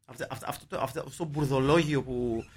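A man's voice: mid-range voice, husky. A man co-hosting a casual film podcast, talking emphatically and scornfully and often repeating himself. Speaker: podcast co-host.

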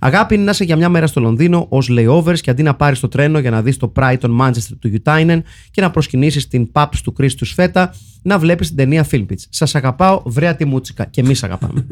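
A man co-hosting a casual film podcast, joking dryly and reading out listener comments. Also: a little high. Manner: dry ironic jokes, reads listener comments. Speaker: podcast co-host.

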